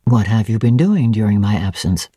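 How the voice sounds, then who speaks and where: A woman reader doing a brusque gentleman of the manor who fires off questions and orders. The voice sits very low and dark with a husky edge. It is recorded close and dry. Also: lively intonation, moderate pace, no room sound, exaggerated voice. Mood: probing. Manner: curt, imperious questioning.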